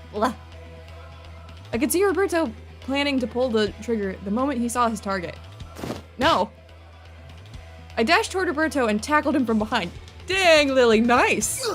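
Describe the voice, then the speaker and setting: A woman hosting a let's play, reading the game aloud with expressive, casual reactions. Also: high voice. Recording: voice over game music. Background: game music.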